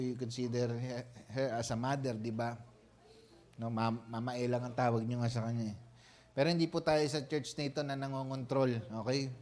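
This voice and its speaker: A man's voice: medium pitch, a little mellow. A man with a Filipino accent, a senior pastor giving a sermon in a conversational style and often checking in with the congregation. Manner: conversational preaching, frequent tag questions.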